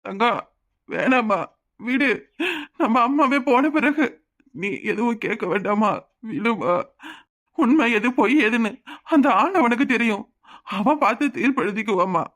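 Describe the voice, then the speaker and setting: A man's voice: very high voice, expressive, unhurried, long pauses, fairly bright tone, exaggerated voice. A man voicing a grieving old village husband. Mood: pleading. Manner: wailing, tearful lament. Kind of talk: cartoon voice acting.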